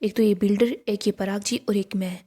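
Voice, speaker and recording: A woman's voice: medium pitch, steady tone, moderate pace, mellow, slightly rough, natural voice. A woman voicing a scheming, defiant middle-aged woman politician in a story recap, in an insistent, accusing way.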